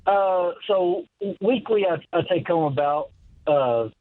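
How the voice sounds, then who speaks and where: A man's voice: high voice, animated, takes it slowly, no echo. Polite male caller over the phone, tinny line, dry sound, hesitant. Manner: polite, hesitant, says "yes, sir". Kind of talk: casual call-in chat.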